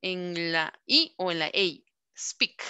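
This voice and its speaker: A woman teaching a class, repeating words slowly and asking questions over and over. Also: medium pitch, pushed and bright, no room sound. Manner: slow, drawn-out word modelling and repeated questions. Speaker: English teacher. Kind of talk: online class instruction.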